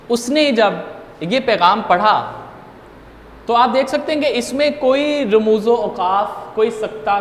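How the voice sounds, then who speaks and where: A man giving an online grammar lesson to students, explaining each point in a deliberate way and speaking to them directly. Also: sits high, a little hiss or hum. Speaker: Urdu teacher. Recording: echoey room with long reverb.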